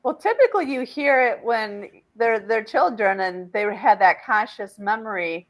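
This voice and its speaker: A woman's voice: fairly high pitch, animated, moderate pace, low-quality recording. Woman hosting a panel discussion. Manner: explanatory, with frequent fillers. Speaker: podcast host and regression facilitator.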